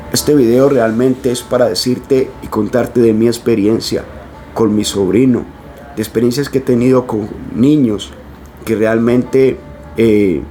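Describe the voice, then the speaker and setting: A man's voice: medium pitch, darkish tone. A man preaching to camera, speaking earnestly and warning parents directly.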